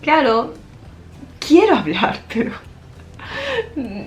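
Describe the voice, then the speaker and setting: A Spanish teacher whose first language is Japanese is a guest in a casual interview, speaking fluent Spanish. She tells stories in an animated way, full of laughs and fillers. Her voice is fairly high and slow, with faint music in the background.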